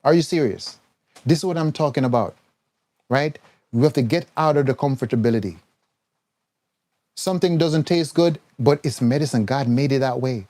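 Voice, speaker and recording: Male health coach, live-stream rant, blunt and preachy, mellow dark tone. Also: mid-range voice, moderate pace, pauses often. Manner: mimics others in quoted voices.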